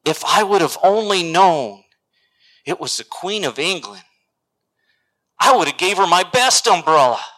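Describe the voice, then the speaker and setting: A grumpy, grumbling old woman from a cottage, put on by a male preacher, muttering her regrets. The voice sits fairly high and moves up and down a lot as it mutters. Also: very animated, measured pace, pauses often, pushed and bright, full character voice, poor audio. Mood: regretful.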